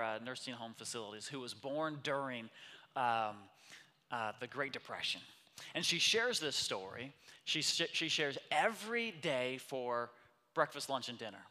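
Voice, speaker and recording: A man preaches a sermon in a church auditorium, starting conversationally and building into passionate emphasis. His voice is mid-range with a sharp tone, and long hall reverb surrounds it.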